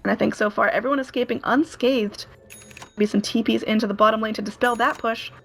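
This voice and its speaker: Hoarse but steady in tone, this female esports commentator speaks fairly quickly in a slightly high voice. Her live play-by-play is continuous narration dotted with many "uh"s, and there's slight background noise.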